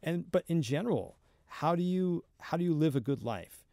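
A young adult man, a podcast guest, explaining ideas earnestly and in a measured way, with frequent restarts. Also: a little high, animated, mellow, no room sound, clean studio sound. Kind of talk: thoughtful conversational explanation.

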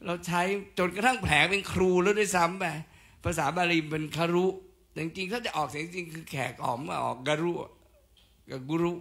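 A man's voice: on the high side, creaky, a bit bright. An older man giving a special lecture in a casual, digressive way with joking asides.

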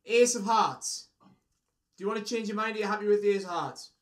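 A British magician in his twenties chats casually with strangers on video from a small room at home. His voice sits high and he talks fairly quickly.

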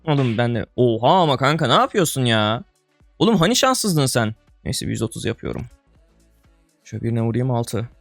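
A man's voice: medium pitch, big pitch swings, fairly quick, creaky, dry recording, soft background music. A young man giving casual commentary while playing an online game, exasperated and groaning, calling viewers brother and buddy. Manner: exasperated, groaning and swearing under breath. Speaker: gaming streamer.

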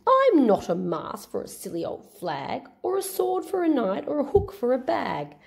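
A woman's voice: sits high, huge pitch swings, normal speed, gravelly, voice pushed up, heavily acted. A woman voicing a cheerful little male stick figure in a storybook, chanting his refrain in a sing-song way. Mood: insistent.

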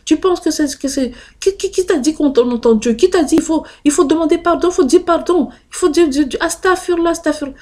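A woman voicing her frightened, scolding middle-aged mother, shrill and stammering as she repeats herself. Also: fast, hardly any pauses, a little mellow, close to an everyday voice. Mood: scolding, frantic.

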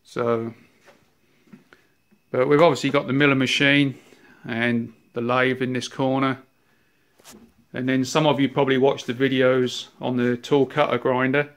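Flat-voiced New Zealand man touring workshop. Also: medium pitch, unhurried, long pauses. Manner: relaxed, rambling with many fillers. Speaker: workshop owner. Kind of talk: casual workshop tour. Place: large cluttered workshop. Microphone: handheld phone camera.

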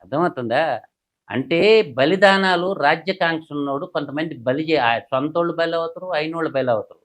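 A man, a political analyst who delivers heated commentary through rapid, combative rhetorical questions. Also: a little high, a bit bright.

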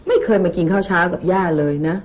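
A woman's voice: medium pitch, wildly swooping pitch, fast talker, slight background noise. An actress playing a stern but doting elderly grandmother in a TV drama, who scolds the maids and coos over her grandchildren. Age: older. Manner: scolding servants, sweet with grandchildren. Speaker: grandmother, a titled lady. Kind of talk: TV drama acting. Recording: dull TV soundtrack with music.

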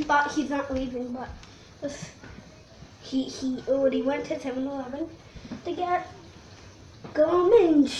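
High-pitched child in a noisy echoey room. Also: far from the mic. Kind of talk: pretend play narrated to viewers.

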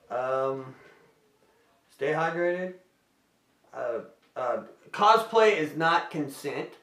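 A man's voice: mid-range voice, fairly bright tone, distant mic. A man answering fan questions in a casual, rambling way, often breaking off mid-sentence. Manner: rambling, self-interrupting, friendly. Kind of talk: casual Q&A vlog. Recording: roomy and off-mic.

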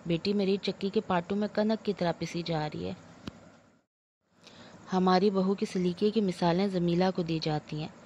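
An aggrieved, theatrical old mother-in-law full of loud laments, as a woman narrator puts her on. The voice sits low and mellow. A dull lo-fi recording with a faint hiss underneath. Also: steady tone, normal speed, lightly acted. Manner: wailing complaints, theatrical laments. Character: aging scolding mother-in-law, self-pitying and loud.

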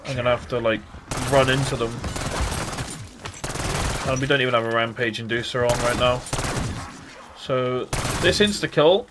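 A young man commentating his own video game play, often frustrated and swearing in loud outbursts. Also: mid-range voice, normal speed, pauses often. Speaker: gaming YouTuber. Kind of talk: gameplay commentary. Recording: game noise behind voice.

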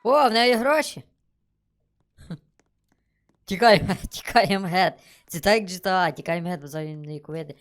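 A man giving excitable, chatty commentary while he plays a video game and thinks aloud. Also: sits high, moderate pace, pauses often. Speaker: gaming streamer. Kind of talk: casual gameplay commentary.

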